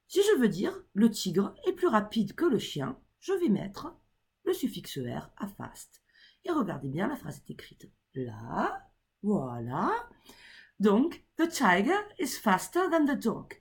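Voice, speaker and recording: Woman, teacher, grammar lesson, husky, animated intonation, encouraging, checks on the class. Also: medium pitch. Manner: spells letters slowly and points to the board. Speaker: English teacher.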